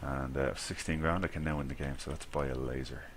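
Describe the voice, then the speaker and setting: Rumbling low and brisk, an Irish gaming video creator speaks in a steady tone as he comments casually to himself during a game. He rambles and chuckles at his own mistakes, and there's slight background noise.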